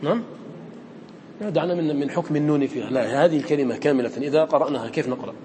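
A male teacher leads a classroom lesson in a rapid, dark-toned voice that sits somewhat high. He questions his students and slows right down to draw out each quoted line. Faint room noise hangs behind him. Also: in a large hall. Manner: quizzes students, slowly drawing out quoted verse.

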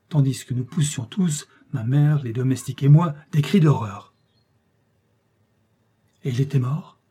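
A man reading a literary story aloud as an audiobook narrator, in a measured, expressive storytelling manner. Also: medium pitch, slightly rough.

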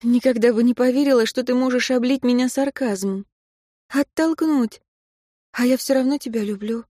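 A woman's voice: on the high side, moderate pace, dark tone, no room sound, studio quality, pitched above the performer's own voice, close to an everyday voice. A woman reading an earnest young woman in love. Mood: pleading. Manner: earnest, pleading. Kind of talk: audiobook reading.

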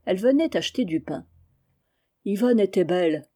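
A woman reading a novel aloud in a steady, measured storytelling manner. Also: mid-range voice. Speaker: audiobook reader.

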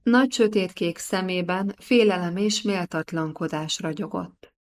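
A woman reading a historical novel aloud as an audiobook narrator, in measured scripted narration. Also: on the low side. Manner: measured storytelling.

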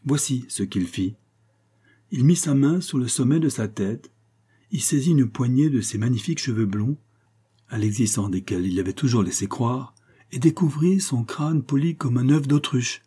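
A man narrating a comic short story aloud, with lively, expressive reading. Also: medium pitch, normal speed, slightly rough.

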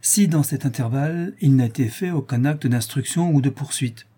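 A man reading aloud, voicing a calm, ironic man who corners a murderer with cool, relentless mockery. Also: medium pitch, normal speed, husky, lightly acted. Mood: coolly mocking.

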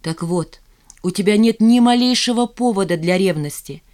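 A woman's voice: mid-range voice, normal speed, darkish tone, close to an everyday voice. A woman reading the part of a proud, moody young woman in an audiobook, sullen and sarcastic.

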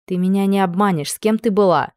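A woman's voice: mid-range voice, fast, a little mellow, clear, resonant tone, dry recording, studio quality, close to an everyday voice. A woman reading a weary, commanding noble lady. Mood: stern. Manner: stern, tired commands.

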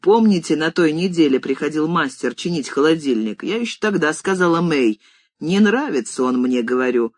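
Voiced by the audiobook reader, a middle-aged maid answers meekly and then chatters on with folksy repetitions. Her voice is a little husky, and the reading is close and dry. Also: medium pitch, lively intonation, normal speed, dry recording, lightly acted. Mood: chatty. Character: middle-aged maid, humble but sullen and talkative.

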